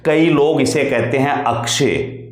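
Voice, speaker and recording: A man from Rajasthan teaching a Hindi grammar lesson for exam candidates at an unhurried, deliberate pace. He draws out each sound and keeps asking and answering his own questions. The room carries a noticeable echo. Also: medium pitch, lively intonation.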